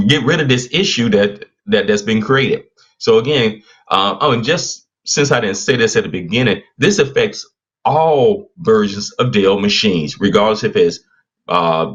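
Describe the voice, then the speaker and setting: A man's voice: mid-range voice, lo-fi sound. A man hosting a casual live stream, explaining computer security in an earnest, advisory way and often correcting himself mid-sentence.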